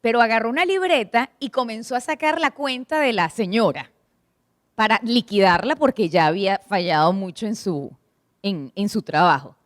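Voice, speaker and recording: A woman's voice: mid-range voice, expressive, moderate pace, no echo, clean studio sound. A woman preaching to a church congregation, asking them questions and retelling stories expressively. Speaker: church speaker at a prayer meeting.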